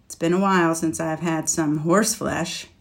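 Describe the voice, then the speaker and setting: A woman voicing a proud, scornful male dragon, speaking slowly and forcefully with contempt. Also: low voice, steady tone. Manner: slow, forceful, contemptuous delivery. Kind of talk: storybook reading.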